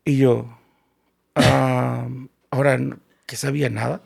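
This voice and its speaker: Guy telling his story in an interview, super gravelly voice, acts out what everyone said. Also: medium pitch, takes it slowly. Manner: animated storyteller acting out quoted dialogue. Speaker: interview guest.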